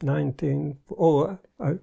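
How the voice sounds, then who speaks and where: Slow, gravelly older man with a Hungarian accent. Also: a little high, dark tone. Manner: thoughtful, halting, with many pauses and fillers. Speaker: guest. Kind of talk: casual conversation. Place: study lined with bookshelves, indoors. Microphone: lapel mic.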